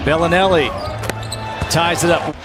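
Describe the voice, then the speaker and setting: Over the noise of a busy basketball arena, with the crowd, court sounds and a bouncing ball behind him, a man calls live play-by-play. His voice sits a little high with a steady tone and measured pace, delivered in short, clipped phrases that rise on big plays.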